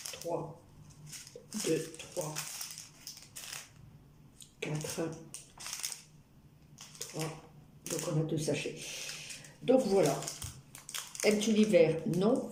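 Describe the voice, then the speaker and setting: A woman chatting casually and ramblingly to her viewers while she crafts, with playful asides. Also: on the low side. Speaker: YouTube craft vlogger. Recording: roomy echo, noisy background with clicks.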